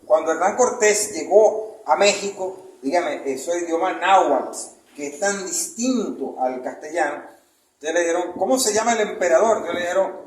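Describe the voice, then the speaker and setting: A man's voice: high-pitched, a little mellow. A man with a Venezuelan Spanish accent giving an informal talk as a chronicler, rambling and searching for words, often checking that his listeners follow. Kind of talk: informal lecture with questions. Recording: echoey room with faint noise.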